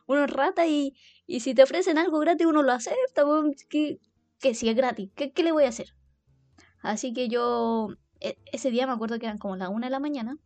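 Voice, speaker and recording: A woman's voice: high voice, darkish tone, dry recording, soft background music. A young woman with a Chilean accent telling funny stories about herself in a casual, slang-heavy monologue. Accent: Chilean Spanish. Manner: chatty, self-mocking, heavy slang, quick laughs. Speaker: podcast host.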